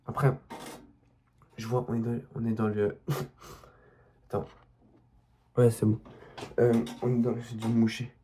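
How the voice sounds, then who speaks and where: With a mellow, mid-range voice and a little hiss or hum in the recording, a young man from France vlogs about a personal experience. He speaks off the cuff, restarting often, using many fillers, and turning to address the listener directly.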